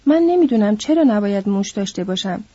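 A woman voicing a big, simple-minded, childlike farmhand man who talks in a slow, pleading way. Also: medium pitch, animated, dark tone, slightly rough. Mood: guilty. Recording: dull lo-fi recording.

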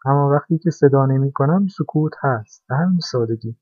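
A man's voice: medium pitch, dry recording, close to an everyday voice. A man voicing a cheerful, teasing toy bicycle. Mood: jolly. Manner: jolly, teasing, matter-of-fact. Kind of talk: storybook character voice. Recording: dry, dull lo-fi recording.

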